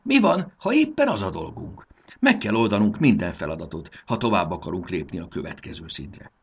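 A man's voice: low-pitched, sing-song, vocal fry, slightly rough, heavily acted. A man reading a storybook aloud and voicing a feisty little fairy girl who is pert and sulky. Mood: indignant.

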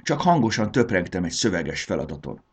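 A man voicing a polite, curious schoolboy who speaks softly. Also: sits low, sing-song, slightly rough, heavily acted. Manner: polite, whispering.

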